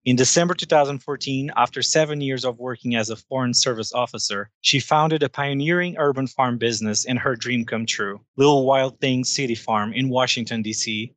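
A man's voice: mid-range voice, brisk, few pauses, a bit bright. A man from Portugal with a Portuguese accent, hosting a podcast interview in an upbeat, friendly way. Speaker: podcast host, chef.

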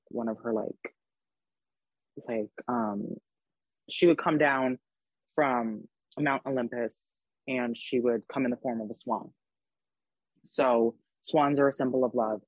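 A man's voice: mid-range voice, no room sound, lo-fi sound. A young man hosting a casual podcast chat, talking emphatically and swearing freely. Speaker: podcast host.

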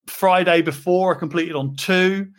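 A British man with a slightly high voice, chatting as a property investor guest in an interview. He rambles cheerfully, filling gaps with ums and restarting his sentences. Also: a little slow. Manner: chatty, frequent fillers and restarts. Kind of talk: casual interview chat.

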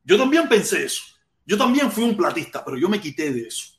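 A man's voice: high-pitched, sing-song, brisk, reverberant. A man from Cuba with a Cuban accent, hosting a heated political livestream, reading the chat and repeating words in bursts. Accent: Cuban Spanish. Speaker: livestream host.

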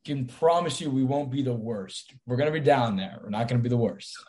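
A man's voice: medium pitch, brisk, a little mellow. A young man hosting a casual sports podcast, teasing and confident, steering it from segment to segment. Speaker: podcast host.

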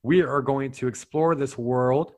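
A man's voice: mid-range voice, unhurried, darkish tone. A man hosting an improv comedy show, bantering casually and explaining how it works.

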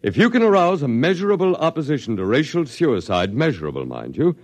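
An actor playing a courteous, superior alien official in a 1950s radio drama, speaking formally and precisely in measured phrases. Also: male voice, a little high, very animated, no room sound. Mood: coolly formal. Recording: muffled old radio recording, music behind.

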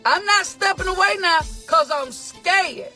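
A woman preacher, giving a motivational sermon with call-and-response, shouting and half-singing. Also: very high voice, a little slow, soft background music.

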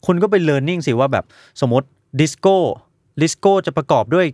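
A man talking casually on a podcast as a music producer guest, animated and mimicking drum sounds with his mouth. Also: fairly high pitch, normal speed, dry recording, clean studio sound.

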